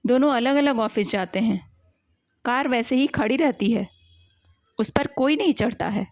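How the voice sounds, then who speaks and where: An anxious young girl from a read-aloud story, as a woman puts her on, plaintive and earnest. Her voice is fairly high and slow, heard close and dry. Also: a little mellow, no echo, natural voice.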